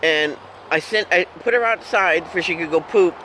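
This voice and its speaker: With background noise around him, a vlogger in his fifties rambles and jokes from his car, laughing softly and humming silly little tunes. His voice is a little high and his pace moderate.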